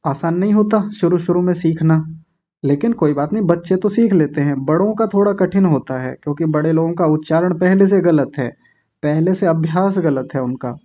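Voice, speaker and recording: A man teaching an online class, slowly and patiently drilling each syllable and gently correcting common mistakes. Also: sits high, muffled recording. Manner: repeats words slowly, syllable by syllable, with corrective asides. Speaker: Sanskrit pronunciation teacher. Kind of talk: slow patient classroom instruction.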